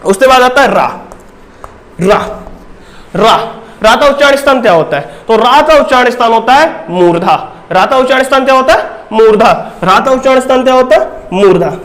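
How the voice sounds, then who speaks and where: High-voiced man drilling grammar. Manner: repetitive question-and-answer drilling. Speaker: teacher. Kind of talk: exam-prep grammar lesson.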